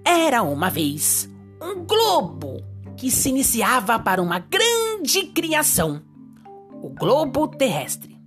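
Female children's storyteller: expressive storybook narration, unhurried, lively swings in pitch. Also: soft background music.

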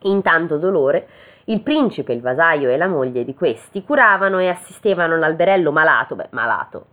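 A woman's voice: deep voice, animated. Woman reading a fairy tale over a tinny line. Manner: reads slowly, then breaks off into joking comments. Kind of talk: casual read-aloud with chatty asides. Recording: tinny phone-like sound.

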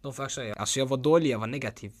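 A young man in a casual chat, slangy and hesitant. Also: medium pitch. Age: young adult. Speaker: guest.

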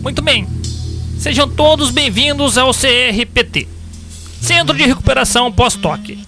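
A man voicing a brisk, impatient woman presenter with a Brazilian accent in a comedy radio sketch. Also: very high-pitched, over music.

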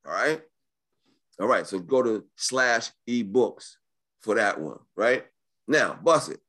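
A man giving a casual, slangy live webinar sales pitch in the manner of a home shopping host, pushing deals and often checking in with the listener. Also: a bit bright. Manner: informal and slangy, often checking in with right and okay. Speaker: business credit coach hosting a sales webinar.

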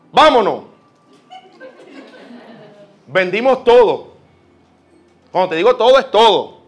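A man with a Puerto Rican accent preaching a sermon, telling personal stories with lively quoted prayers. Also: high voice. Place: church.

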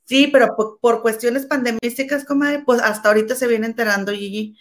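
A woman's voice: fairly high pitch, fairly even intonation, brisk. A woman co-hosting a gossip show, chatting casually and reading a document aloud, calling her partner comadre.

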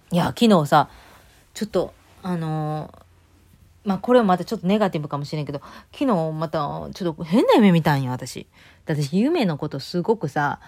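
Chatty Kansai woman, quick and rambling. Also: fairly low pitch, no echo. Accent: Kansai Japanese. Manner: chatty, rambling, lively storytelling with many fillers. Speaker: vlogger. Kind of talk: casual solo chat. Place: home.

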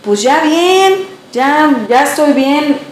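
A woman's voice: sits high, expressive, takes it slowly, very noisy, voice pushed up. A woman with a Mexican accent repeating the words of a friendly elderly man in a story, in an echoey room. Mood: cheerful. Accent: Mexican Spanish.

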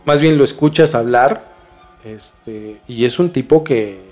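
A man with a Mexican accent hosts a podcast over music, blending narrated storytelling with slangy, colloquial chat. His medium-pitched voice is a little mellow, and he takes it slowly.

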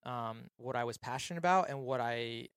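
A young man on a podcast swaps stories in casual chat and acts out the lines of the people in them. His voice is recorded close and dry, with a middle pitch. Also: clear, resonant tone, no echo. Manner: animated storyteller, quick acted-out quotes.

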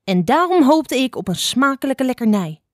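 A woman voicing a blind, sharp-tongued old female fox who scolds impatiently. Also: high voice, big pitch swings, normal speed, no room sound, clean studio sound, pitched above the performer's own voice. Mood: stern.

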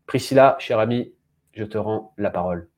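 A man reading a Bible passage and then announcing a training course in a lively, hesitant way, with fillers. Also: on the low side, moderate pace. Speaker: webinar speaker.

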